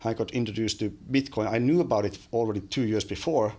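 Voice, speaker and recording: Speaking fast with a darkish, lowish voice, this Finnish-accented man in his forties is a podcast guest in relaxed interview conversation. He uses many fillers and often restarts his sentences. The recording comes from a boom-arm studio mic in a small room.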